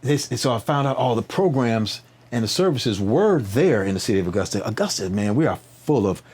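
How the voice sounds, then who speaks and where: Here a nonprofit founder, interviewed as a podcast guest, speaks at medium pitch, very animated and fairly quick, with a darkish, slightly rough tone. His storytelling is conversational and lively, marked by emphatic, preacher-like repetition, rhetorical questions, and frequent check-ins with the listener.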